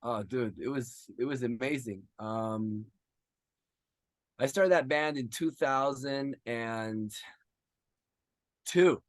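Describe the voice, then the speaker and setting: A man's voice: mid-range voice, slow pace, pauses often, dry recording. Rambling man in his thirties, dry sound. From Israel. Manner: rambling, many ums and restarts. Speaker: guest musician. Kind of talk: casual interview answers.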